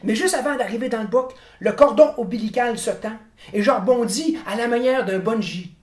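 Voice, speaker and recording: A man's voice: extremely high pitch, brisk, a little mellow. Québécois storyteller in his sixties, roomy sound. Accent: Quebec French. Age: 60s. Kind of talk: theatrical oral tall-tale storytelling. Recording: roomy, echoing room.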